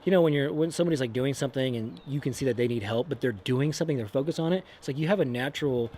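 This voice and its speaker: A young man co-hosting a casual faith and motivation talk, animated, acting out quotes and saying "man" and "dude" a lot. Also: mid-range voice, racing, a little hiss or hum. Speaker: podcast co-host.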